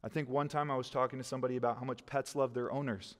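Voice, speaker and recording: Earnest and gesturing, a thirtysomething pastor delivers a sermon at a church lectern, quoting scripture at a very fast pace. His medium-pitched, steady voice comes through a headset mic, trailed by long reverb from the indoor hall.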